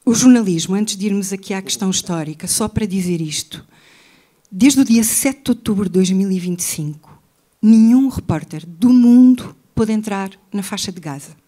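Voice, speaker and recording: A woman with a European Portuguese accent speaks as an interview guest in a mellow, darker tone at a middle pitch. She talks with intensity, hammering home her points by repeating key phrases. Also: moderate pace. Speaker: guest writer and journalist. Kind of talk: impassioned interview talk.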